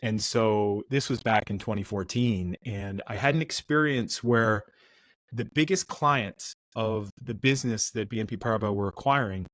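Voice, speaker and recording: At normal speed and fairly low pitch, with no echo, a middle-aged American man tells career stories as a guest in a casual podcast interview. His delivery is relaxed, though he keeps restarting his sentences.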